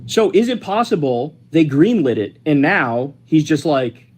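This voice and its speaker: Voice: mid-range voice, sing-song, a little slow, darkish tone. A host in casual political chat, blunt, profane and incredulous.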